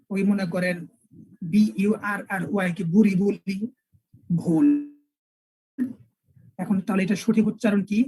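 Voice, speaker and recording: A male English teacher, lecturing an online class and spelling words out slowly with repeated examples. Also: high-pitched, a little mellow, breathy edge, no echo, low-quality recording.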